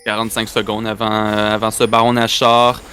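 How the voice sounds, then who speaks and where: A man's voice: fairly low pitch, monotone, moderate pace, bright, forceful tone, smooth, soft background music. A man with a Quebec French accent giving live esports match commentary, often repeating and restarting his phrases. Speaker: esports play-by-play caster.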